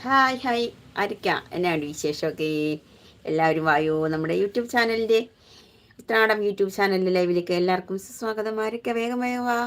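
A woman's voice: medium pitch, moderate pace. Woman on a live stream, chatty and affectionate, greets everyone by name, easy casual talk.

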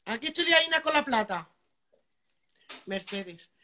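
Live-stream seller, woman from Spain, bright and fairly high, chatty and nonstop. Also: expressive, measured pace, slight background noise. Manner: chatty, keeps asking "vale", greets viewers by name. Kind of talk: live-stream sales pitch.

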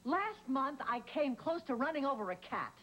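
An actress in her seventies playing a tired but independent elderly mother who answers with dry, deadpan one-liners in a sitcom. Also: high voice, moderate pace. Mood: wry. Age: 70s. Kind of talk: sitcom acting.

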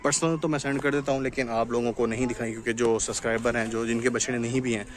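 A young man from Pakistan, a cattle farm vlogger, shows viewers around his farm construction site in a casual outdoor vlog shot on a phone in selfie framing. His mid-range voice moves at a quick pace as he explains things in a steady way to the camera. Tractors and wind can be heard in the background.

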